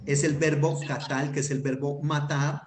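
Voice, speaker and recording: A man's voice: fairly high pitch, flat delivery, normal speed. A man teaching a grammar lesson online, patient and methodical, often checking that his student follows. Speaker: Hebrew teacher. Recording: echoey room with faint noise.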